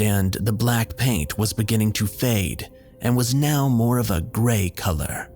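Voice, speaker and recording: A man reads a scary story in a lowish, expressive voice that rises and falls a lot. He keeps a measured storyteller's pace, with faint music playing underneath. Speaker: horror story narrator. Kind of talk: scripted narration.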